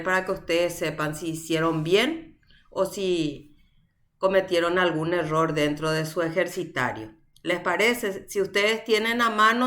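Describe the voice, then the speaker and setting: A woman's voice: on the low side, fairly bright tone. A woman teaching a university language class online, explaining patiently and checking in with her students.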